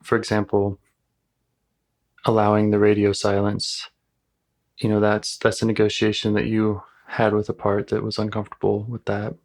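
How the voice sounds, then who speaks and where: A man guiding a client as a therapist in a live session, calm and gentle, reflecting back what he hears. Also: lowish voice, moderate pace.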